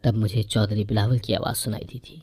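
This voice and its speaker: A woman narrating a first-person moral story in a measured, even reading voice. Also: extremely low pitch, breathy edge.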